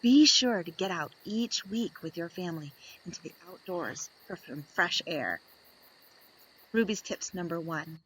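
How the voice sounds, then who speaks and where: A woman in a mid-range voice tells a story to young children, reading with expression and a careful pace. She leans on dramatic pauses, though the audio is poor.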